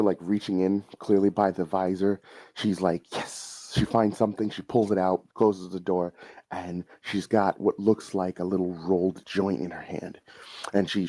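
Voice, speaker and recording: A man's voice: low voice, mellow, dry recording, rough recording. A man narrating a tabletop role-playing game as game master, describing scenes in a loose, chatty way.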